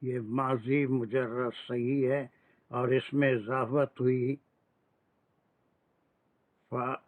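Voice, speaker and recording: Male teacher, patient drill-style delivery, slow measured talk, dry tinny call audio. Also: medium pitch, little pitch movement, no room sound. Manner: patient, drills verb forms, mixes English phrases. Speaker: Arabic grammar teacher. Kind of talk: online class teaching.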